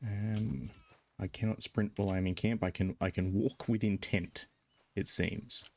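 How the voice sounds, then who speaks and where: A man streaming a video game and chatting along in a jokey, casual way. His voice sits very low. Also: steady tone, a little slow, darkish tone. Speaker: livestreamer. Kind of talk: casual gaming commentary.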